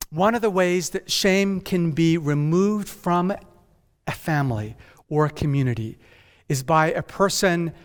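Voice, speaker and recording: A man born in Japan and raised in North America, preaching a measured, emphatic conference sermon as senior pastor that builds through repeated phrases. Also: a little high. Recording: long hall reverb.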